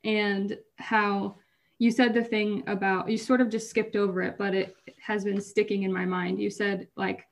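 This podcast co-host has a mid-range voice with little pitch movement and a moderate pace. She talks in a casual, rambling style, often interrupting herself and laughing while describing hard times.

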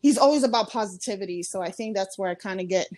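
This Ecuadorian comedian in her thirties, guesting on an interview, talks in a chatty way with plenty of fillers and false starts. Here her mid-range voice moves fast and comes across a little mellow, recorded dry.

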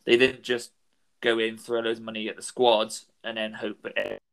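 A man's voice: lowish voice, flat delivery, moderate pace, creaky, a bit bright, smooth, rough recording. A man co-hosting a casual football podcast over an online call, talking hesitantly with fillers and restarts while his voice keeps cutting in and out. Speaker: podcast co-host. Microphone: remote call mic. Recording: patchy internet call audio.

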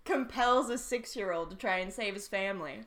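A woman's voice: medium pitch, a bit bright. Chatty woman from the Midwest. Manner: chatty, quick agreeing interjections. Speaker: podcast co-host. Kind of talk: casual chat.

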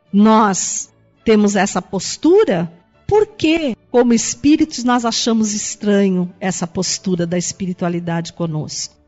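A woman's voice: medium pitch, highs cut off. A woman with a Brazilian accent giving a spiritist sermon to an audience, emphatic and full of rhetorical questions. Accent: Brazilian Portuguese. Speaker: spiritist lecturer.

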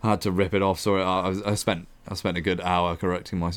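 Telling a story on a casual podcast, this young man co-host speaks a little fast and smoothly. He's animated, performing the other people's lines as he goes, with his pitch rising on each quoted voice.

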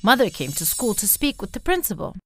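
A woman's voice: medium pitch, very animated, brisk, breathy edge. A woman narrating a scripted first-person story, acting out the quoted lines.

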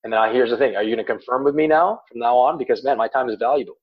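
A man's voice: mid-range voice, racing, slightly rough, highs cut off. A man speaking as a life coach in a podcast chat, emphatic and repeating words as he makes his points. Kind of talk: podcast guest talk.

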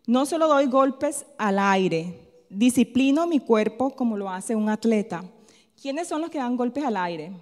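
A woman delivers a sermon in a fairly high voice. She keeps asking questions and answering them herself, tagging her lines with a quick "¿sí?". Her words ring on in a long hall reverb. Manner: tells a personal story in a softer, chatty tone. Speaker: preacher. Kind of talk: sermon with call-and-response questions.

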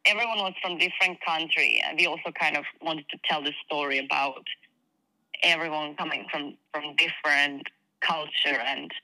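A young Croatian actress with a Croatian accent appears as a guest in a casual interview, answering hesitantly with many fillers. Her voice is low-pitched, steady, pushed and bright at a normal speed, and the audio is poor.

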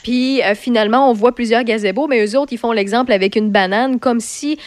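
A woman's voice: a little high, fairly quick, no echo. A woman with a Quebec French accent hosting a casual radio talk show, chatty and explanatory. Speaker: radio host.

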